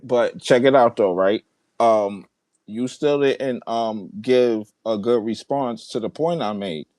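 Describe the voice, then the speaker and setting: A man's voice: mid-range voice, takes it slowly, a little mellow, dry recording. A man in a heated online debate, arguing emphatically and swearing as he repeats his points. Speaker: debate participant. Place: large room at home.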